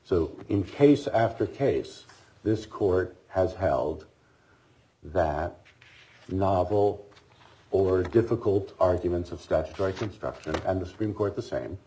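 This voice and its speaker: A man arguing an appeal as defense attorney, speaking in a measured, formal way while coming down with a cold. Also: deep voice, warm tone. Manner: measured, formal legal argument. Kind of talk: oral argument before a court. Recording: dull lo-fi courtroom audio.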